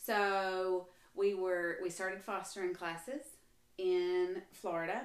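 A woman's voice: fairly low pitch, fairly even intonation, takes it slowly, echoey room. A woman who is a guest on a faith podcast, telling her story in an earnest way, with frequent restarts and fillers.

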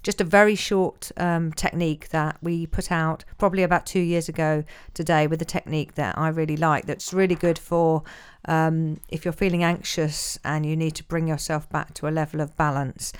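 A woman's voice: sits low, level tone, normal speed, hardly any pauses, clear, resonant tone. A woman coach and podcast host giving an informal spoken introduction to listeners.

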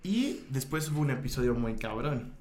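A man's voice: mid-range voice, normal speed. A young man with a Mexican accent co-hosting a casual couple podcast, telling stories with lots of swearing and acted-out quotes. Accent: Mexican Spanish. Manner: animated storyteller, swears often, acts out quotes. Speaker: podcast co-host.

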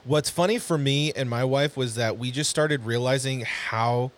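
A man's voice: mid-range voice, normal speed. A man hosting a casual podcast chat, crude and joking, laughing often. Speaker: podcast host.

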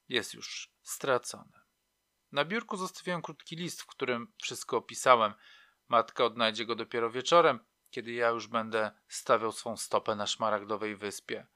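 A man's voice: medium pitch, pushed and bright, dry recording, studio quality. A man reading a novel aloud in a reflective, wry storytelling manner. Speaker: narrator. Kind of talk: audiobook narration.

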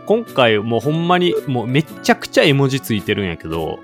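Lively man with Kansai accent. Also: medium pitch, a little fast, faint music behind. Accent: Kansai, mixed with standard Japanese. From Shiga, Japan. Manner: reads listener letters aloud, laughs easily. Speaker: podcast co-host. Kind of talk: casual chat.

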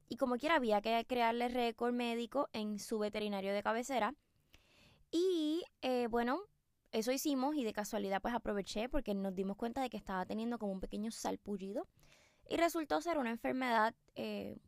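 A chatty woman, hosting her podcast in a relaxed storytelling monologue. Her voice sits fairly high, and she keeps turning to her listeners with fillers and asides. The recording is close and dry. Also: dry recording. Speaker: podcast host.

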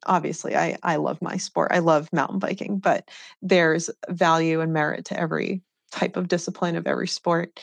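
An earnest woman speaks as an interview guest, sharing her experiences in a candid, reflective way. Her voice sits slightly low. The sound is dry and close, with no room around it. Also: vocal fry, no echo. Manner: earnest and reflective, laughs easily. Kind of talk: candid conversational storytelling.

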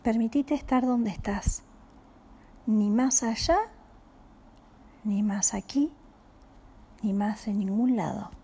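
A woman with a Rioplatense Spanish accent giving a calm, reflective spiritual talk, speaking slowly and often dropping into a soft whisper. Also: a little high, husky. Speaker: spiritual teacher.

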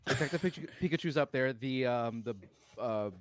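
A podcast co-host on a casual film show gives his opinions in an emphatic, exasperated, sweary way. His medium-pitched voice moves a little fast, and there's no echo.

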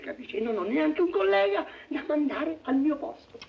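An actor playing an old priest and music teacher who has lost his voice, speaking hoarsely and complaining. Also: very high-pitched, expressive, moderate pace, exaggerated voice. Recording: dull old film soundtrack with crowd.

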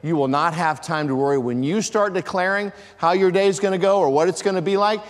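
A man preaching a sermon, his voice sitting a little high. He drives his points home with emphasis and sometimes breaks into shouts. His words ring out with a long reverb from a large church hall. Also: a little fast. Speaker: pastor.

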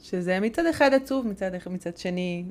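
A woman's voice: mid-range voice, animated, noisy background. A middle-aged woman from Hungary, a native Hungarian speaker, chatting casually as a podcast co-host and searching for words as she goes. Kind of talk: casual chat.

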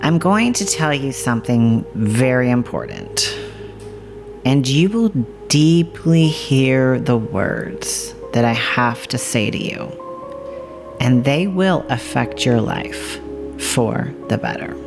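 Very slow, creaky-voiced meditation guide. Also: mid-range voice, sing-song. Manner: soothing, hypnotic, reassuring. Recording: music bed behind the voice. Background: music.

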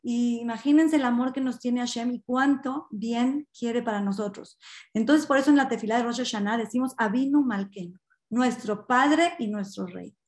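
Female lecturer, spiritual talk to women, fairly high voice, lively and emphatic, echoey room. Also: normal speed. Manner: lively storytelling, emphatic asides.

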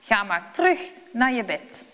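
A sleepy old priest from a children's storybook speaks gently, his lines rising and falling in a lively way, as a woman narrator puts him on. The voice sits fairly high. A long hall reverb trails each word. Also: a little slow. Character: old male priest, sleepy then earnest.

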